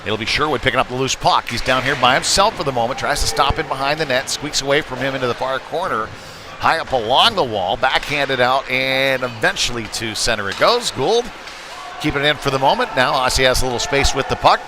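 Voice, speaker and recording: A man with a mid-range voice calls youth hockey play-by-play live, speaking briskly in a casual, folksy and slightly hesitant way. He is at an ice rink for a live stream broadcast, with rink noise clearly audible behind him.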